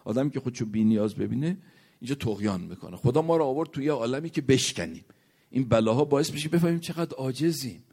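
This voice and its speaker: Man, sermon, preacher, recites Arabic quotations, storytelling, rises and drops to a hush. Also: animated, husky. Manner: storytelling with quoted Arabic verses and hadith; rises and falls in pitch, drops to a near whisper at points.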